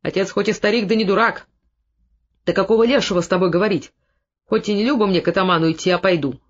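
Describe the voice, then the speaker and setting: A reader voicing an angry, short-winded old Cossack grandfather who shouts and scolds. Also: medium pitch, quick pace, lo-fi sound, close to an everyday voice. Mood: indignant. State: short of breath.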